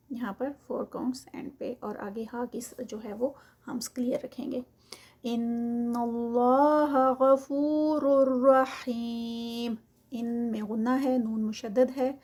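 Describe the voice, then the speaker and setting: A woman teaching Quran recitation, reciting verses slowly and drawn out, then explaining the rules quickly. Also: a little high, dark tone, breathy edge. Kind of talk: tajweed lesson with slow recitation.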